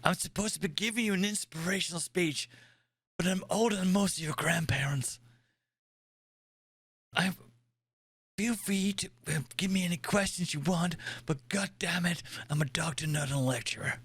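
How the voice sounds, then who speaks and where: A man's voice: high voice, moderate pace, fairly bright tone, husky, no echo, voice pushed up. A man voicing a grumpy old male starship admiral and doctor, with a put-on American accent and a cursing, cantankerous manner. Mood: gruff.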